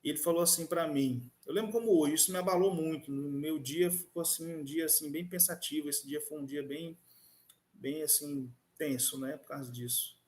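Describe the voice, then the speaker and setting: A man's voice: on the high side, steady tone, normal speed. A man teaching an online class, talking conversationally with frequent restarts. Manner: conversational, many fillers and restarts. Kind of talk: online class lecture with a personal story.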